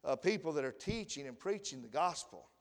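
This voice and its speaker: An American man preaching a sermon, animated, often laughing and reading scripture aloud in a raised voice. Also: on the high side, fairly quick. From United States. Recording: long hall reverb.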